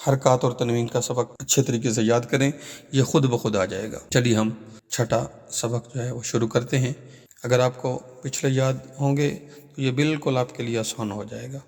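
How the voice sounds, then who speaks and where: A man with a Pakistani accent teaching Quran reading, spelling out letters and syllables in a slow, sing-song drill. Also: mid-range voice, fairly even intonation, darkish tone, in a large hall.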